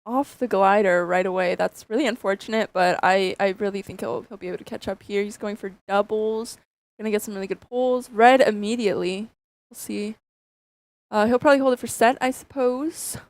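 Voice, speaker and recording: A woman's voice: medium pitch, a little fast, no echo. A young woman co-casting a college esports match in a chatty, upbeat way with plenty of fillers. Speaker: esports co-caster. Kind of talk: casual esports commentary.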